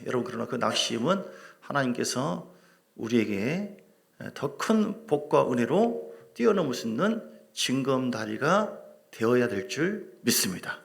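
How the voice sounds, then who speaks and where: A middle-aged man preaching a sermon as a pastor in a church, lively and joking with his congregation. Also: mid-range voice, gravelly. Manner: animated preaching with humor, asides to the congregation. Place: church sanctuary.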